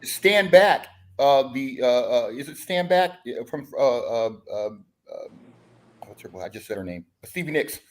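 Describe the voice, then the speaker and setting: A man's voice: mid-range voice, lively intonation, unhurried. A man who leads a band, chatting as a podcast guest, rambling with lots of fillers and restarts. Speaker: guest musician, bandleader. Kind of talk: casual podcast chat.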